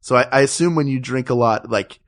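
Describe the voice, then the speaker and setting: A man co-hosting a podcast in easy, rambling chat. He jokes and wanders between thoughts at a mid-pitched, ordinary register, with plenty of "uh" and "like" along the way. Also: a little fast. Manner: rambling, jokey, many fillers. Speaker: podcast co-host. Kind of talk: casual chat.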